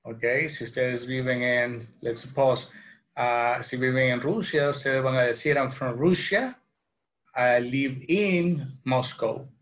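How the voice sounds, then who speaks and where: A man in his thirties from El Salvador with a Salvadoran Spanish accent, teaching a bilingual English lesson from a small room at home, repeating phrases slowly and then translating them into Spanish. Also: mid-range voice, steady tone, fairly bright tone.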